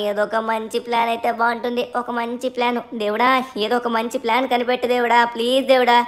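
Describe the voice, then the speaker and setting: A lazy, mischievous little cartoon boy chatters away, voiced by a woman. His voice is high and his words come quickly. He whines, pleads and schemes in a cheeky, childish way. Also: a bit bright, close to an everyday voice. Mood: whiny scheming.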